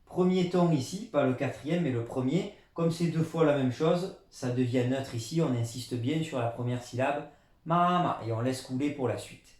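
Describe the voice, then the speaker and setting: Lively man teaching in an echoey room. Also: normal speed, hardly any pauses. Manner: lively teacherly, stresses example words loudly, drops low on asides. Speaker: Chinese language teacher. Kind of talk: explanatory lesson to camera.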